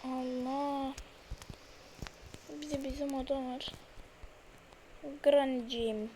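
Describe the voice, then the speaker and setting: A woman's voice: high-pitched, steady tone, normal speed, slight background noise. A young woman playing a horror game, talking to viewers in a jittery, scared, exclaiming way. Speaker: gamer. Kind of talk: horror game let's play commentary.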